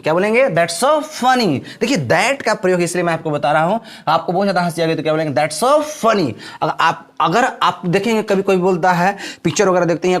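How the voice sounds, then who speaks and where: A man teaching spoken English, explaining in Hindi and repeating each example phrase slowly like a classroom drill. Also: sits high.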